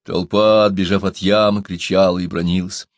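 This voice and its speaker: A man narrating a novel in a dramatic, expressive reading. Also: sits low, normal speed, dry recording. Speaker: audiobook narrator. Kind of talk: scripted narration.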